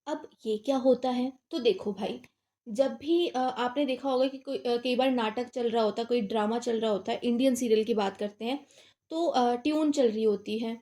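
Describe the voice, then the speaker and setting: A woman's voice: fairly high pitch, moderate pace, warm tone. A young woman teaching literature terms in a casual exam-prep lecture, talking conversationally and asking and answering her own questions.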